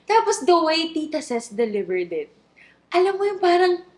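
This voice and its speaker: A young Filipino woman, a guest actress, chatting casually in Taglish with a giggly, animated way of telling stories. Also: very high voice, normal speed. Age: young adult. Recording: roomy echo.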